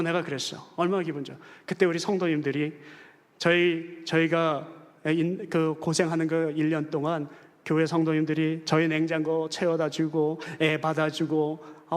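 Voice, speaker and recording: A man preaching a Sunday sermon as pastor, telling personal stories in an animated way and acting out quoted voices. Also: on the high side, in a large hall. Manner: animated storytelling, acts out quoted voices with bits of English. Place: church sanctuary.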